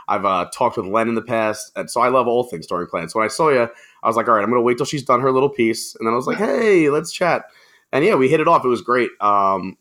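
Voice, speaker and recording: Podcast guest: friendly man, low-ish voice with a bright, forceful edge, easygoing chat. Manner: friendly, chatty, many fillers.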